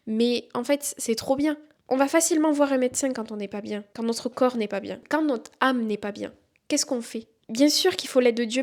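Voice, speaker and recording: A woman's voice: fairly high pitch, a little mellow. A young woman hosting a podcast on faith, talking earnestly and encouragingly and reading verses aloud. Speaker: podcast host.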